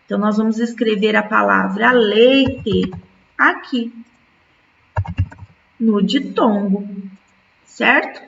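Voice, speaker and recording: Woman teacher, slow and patient, raspy edge, dull distant recording. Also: mid-range voice, a bit bright, a little hiss or hum. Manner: slow, patient, drawing words out syllable by syllable. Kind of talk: recorded remote school lesson.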